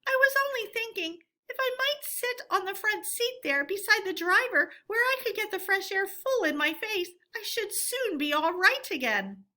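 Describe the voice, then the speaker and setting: Woman voicing Toad, a high-pitched conceited storybook toad. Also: lively intonation, normal speed, hardly any pauses, sharp tone, full character voice. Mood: feeble, wheedling. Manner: theatrical, wheedling then boastful. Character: Toad, conceited reckless male toad posing as washerwoman.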